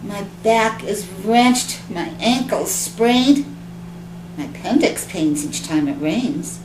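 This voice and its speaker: A woman's voice: medium pitch, animated, slow pace. A woman voicing a little girl who dramatically lists made-up illnesses in a whining voice. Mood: whiny. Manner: dramatic complaining, sometimes near whisper. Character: whiny little girl faking sickness. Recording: echoey room with background hum.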